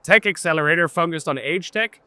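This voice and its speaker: A man speaking as a startup founder in a conversational interview, animated and telling stories in which he quotes his own dialogue. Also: fairly high pitch, brisk, smooth, no echo.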